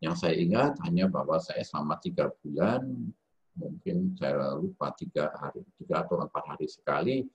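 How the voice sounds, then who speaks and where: Deep husky priest guy thinking out loud, lots of eh and restarts, muffled lo-fi call audio. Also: animated. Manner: halting, with many fillers and self-corrections. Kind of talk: reflective spoken lecture. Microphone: video call.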